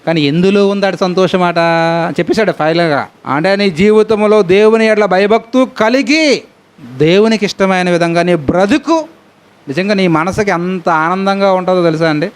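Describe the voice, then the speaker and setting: A middle-aged man teaching a Bible lesson as a sermon, lively and full of rhetorical questions. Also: high-pitched, brisk, clean tone. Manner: animated, asks many rhetorical questions.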